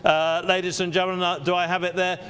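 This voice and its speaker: A man's voice: high voice, flat delivery, fast talker, a bit bright. A man working as an auctioneer on a live sale, calling bids in short, repeated patter.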